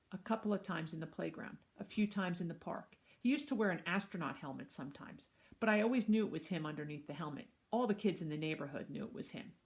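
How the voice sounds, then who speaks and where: A woman's voice: lowish voice, gravelly. Woman reading a chapter book aloud. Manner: expressive storytelling narration. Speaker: teacher.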